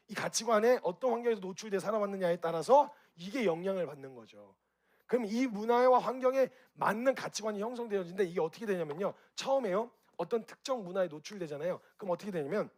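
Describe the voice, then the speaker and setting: A man giving a lively talk to an audience, asking them questions and acting out reactions with sound effects. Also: sits high. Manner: animated, direct questions to the audience. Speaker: speaker at a group gathering.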